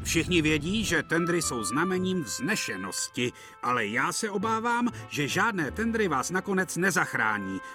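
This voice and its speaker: A sly, gloating male diesel engine with a silky, raised voice that slides up and down, as a man puts him on. It is heard over clear music in a cartoon dub. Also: fairly high pitch, sing-song, pitched above the performer's own voice.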